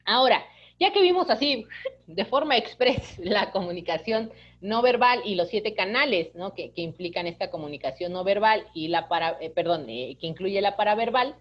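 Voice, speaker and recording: A woman's voice: mid-range voice, lively intonation, normal speed. Lady teaching a class over a video call, chatty, keeps asking ¿no?, a bit dull audio. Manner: chatty, keeps asking "¿no?", acts out quoted dialogue. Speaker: course instructor. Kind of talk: online lecture.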